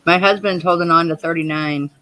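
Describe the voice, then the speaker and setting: A woman's voice: fairly low pitch, fairly even intonation, brisk, crowd noise, poor audio. A woman chatting as a guest on a livestream, friendly and supportive. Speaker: guest in the chat. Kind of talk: casual chat.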